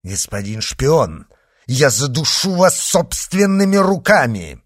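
A man voicing a furious, hot-tempered imprisoned nobleman who shouts slow, emphatic threats in a storybook reading. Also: fairly low pitch, sing-song, slightly rough, dry recording, studio quality, exaggerated voice.

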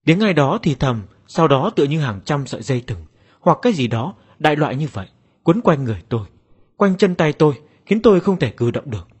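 A man's voice: fairly high pitch, big pitch swings, a little fast, slightly rough. A man narrating a first-person horror story in a dramatic, suspenseful way. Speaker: audiobook narrator.

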